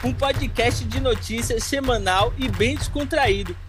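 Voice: mid-range voice, measured pace, close to an everyday voice. A performer voicing an upbeat know-it-all friend in a comic podcast trailer, speaking in a playful, teasing way. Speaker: trailer announcer character. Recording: voice over background music.

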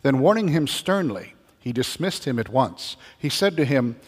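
Husky deacon with cathedral echo. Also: male voice, mid-range voice, very animated. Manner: measured, stopping to restart phrases when preaching. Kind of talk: reading the gospel and preaching a homily. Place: large church. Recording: long cathedral reverb.

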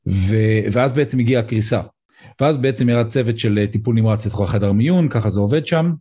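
A middle-aged man, an emergency physician, speaking as a podcast guest and pausing often on "uh" fillers as he talks. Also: fairly low pitch, dark tone, slightly rough. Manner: hesitant, frequent "uh" fillers. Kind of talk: podcast interview, personal account.

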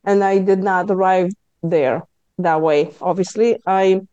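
Speaking at an unhurried pace in a fairly low, clean voice, this stress management coach with a Lithuanian accent recounts her own story on a podcast. She is candid and earnest, often breaking into animated self-quotes. The recording is dry with no room sound, and the high frequencies are cut off.

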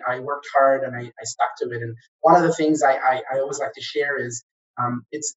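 A man's voice: medium pitch, a bit bright. A man from Egypt who grew up in Kuwait, recounting his early career in an interview, with frequent fillers and restarts. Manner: hesitant, many fillers and restarts. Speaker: guest, former franchise operator. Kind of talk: conversational interview. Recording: distant, dull lo-fi sound.

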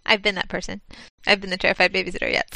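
A woman's voice: mid-range voice, level tone, rapid-fire, creaky, sharp tone, dry recording. A woman co-hosting a casual chat, reacting playfully to spooky stories. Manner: playful, easily amused listener.

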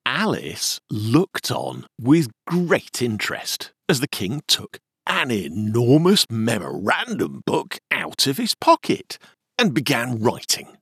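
A narrator reading a children's story aloud in a measured, theatrical way. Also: mid-range voice, wildly swooping pitch, slightly rough, no room sound, clean studio sound. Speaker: audiobook narrator.

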